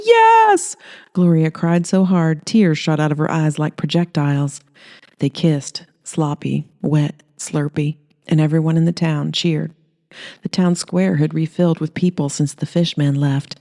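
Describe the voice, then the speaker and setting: A comic horror audiobook is narrated from a script by a storyteller whose voice is mellow, relaxed and sits at a middling pitch.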